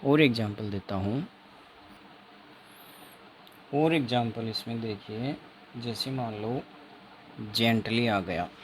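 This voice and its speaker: A man teaching phonetics for an exam, slowly repeating each word and quizzing his viewers. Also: mid-range voice, slight background noise. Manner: slow, repeats words over and over, quizzes the viewer. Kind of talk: exam-prep phonetics lesson.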